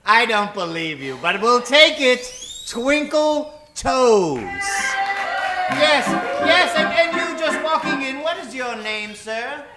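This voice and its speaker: A man with a very high-pitched, animated voice speaks slowly over loud music as he hosts a live improv stage show. He's a comedy show host, theatrical and mock-formal, projecting to the crowd like an old-time radio announcer. The sound is echoey, from a theater stage, with a faint hiss.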